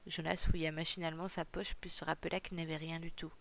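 A narrator reading a novel chapter aloud for a podcast in a measured, even storytelling manner. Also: mid-range voice, creaky. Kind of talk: audiobook reading.

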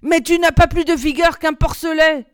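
A woman reading aloud, voicing a feisty, impatient young girl who scolds and urges in a sharp, raised voice. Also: fairly high pitch, unhurried, smooth, close to an everyday voice. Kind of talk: storybook reading.

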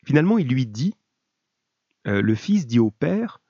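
A man with a dark, relaxed voice gives a school lesson as a teacher. He sets out questions and instructions step by step, in a didactic way. The recording is muffled and echoes around the room. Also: mid-range voice, measured pace, husky. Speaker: middle school French literature teacher. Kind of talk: lesson, explaining study questions to pupils.

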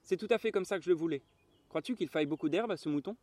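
Insistent little boy prince from a storybook, soft and mellow; male reader lifting his voice. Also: fairly high pitch, very fast, no room sound, voice pushed up, natural voice. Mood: pleased. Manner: insistent, childlike questioning. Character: small boy prince from another planet, earnest, curious. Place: garden, outdoors.

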